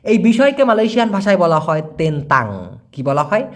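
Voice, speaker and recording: A man teaching language, answering viewer questions and slowly repeating words for learners. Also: high voice, wildly swooping pitch.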